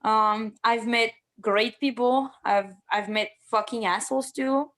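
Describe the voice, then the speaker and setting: Woman, halting chat. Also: on the high side, fairly even intonation, fairly bright tone. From France. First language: French. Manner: hesitant, many fillers and restarts, blunt and swearing at times. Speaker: MMA fighter, interview guest. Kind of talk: casual interview conversation.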